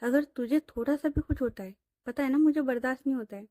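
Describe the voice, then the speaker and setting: A woman's voice: sits high, fast, warm tone, no echo, clean studio sound, close to an everyday voice. A woman voicing a middle-aged father who scolds his daughter out of love and worry. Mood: tender. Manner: scolding tenderly. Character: caring middle-aged father, stern but loving.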